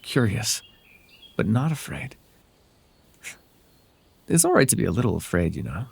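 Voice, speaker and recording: Here the same husky, creaky-voiced man voices a sly, whimsical fairy man for an intimate ASMR roleplay, his pitch swinging expressively. He sounds gently curious, speaking in an unhurried, exaggerated sing-song that stays hesitant and conversational, quietly possessive beneath it.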